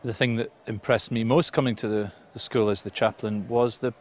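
A man's voice: mid-range voice, fairly even intonation, brisk, darkish tone. A middle-aged man, the school chaplain, speaking sincerely in an interview outdoors, with small restarts. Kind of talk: earnest interview testimony. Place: outdoors in front of greenery.

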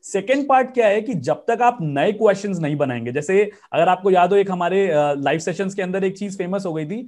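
High-voiced male exam coach. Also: lively intonation, fairly quick, darkish tone. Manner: explanatory, earnest teaching tone. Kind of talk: interview in Hindi mixed with English.

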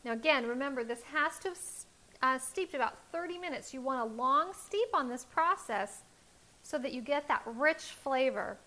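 Her voice sits high and comes across animated, bright and forceful at a normal speed. She's a woman in her thirties running a home cooking show, demonstrating a recipe from her kitchen on a lapel mic and explaining each stage in a friendly teaching style.

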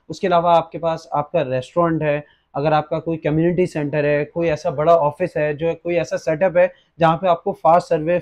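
This young man presents an unboxing for an online gadget store from a desk in a small indoor studio, speaking with a Pakistani accent and mixing in English as he explains. His voice is a little high and a little mellow.

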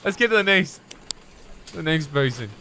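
A man's voice: fairly high pitch, animated, moderate pace, sharp tone, slight background noise, low-quality recording. A man in his thirties giving casual reaction commentary as a video host, recorded on a close mic indoors. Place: indoors at a desk. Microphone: close headset or desk mic.

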